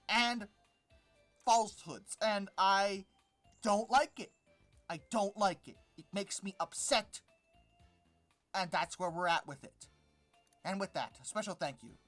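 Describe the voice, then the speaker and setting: A paleontology commentary channel host offers informal video critique, exasperated, sarcastic and dismissive in tone. The voice is mid-range and a bit bright.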